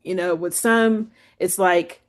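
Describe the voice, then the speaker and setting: A woman tells her own story as an interview guest, relaxed and conversational. She fills her talk with "like" and "you know." When she quotes people, her pitch jumps up. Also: slow pace. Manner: chatty, full of "like" and "you know"; acts out quoted speech with lively pitch jumps. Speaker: guest photographer.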